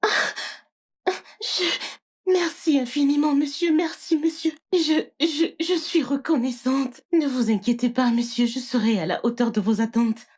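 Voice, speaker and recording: Higher-pitched woman, slow, gentle soothing delivery, polite nanny applicant, French film dub. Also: fairly even intonation.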